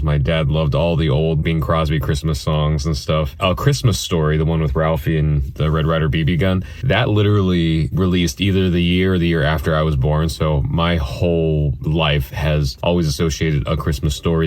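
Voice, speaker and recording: A man's voice: extremely low pitch, fairly even intonation, normal speed, hardly any pauses, a little mellow, no echo. A man of about forty, chatting casually and rambling through a holiday message. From Indiana, US Midwest. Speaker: guest sharing a holiday message.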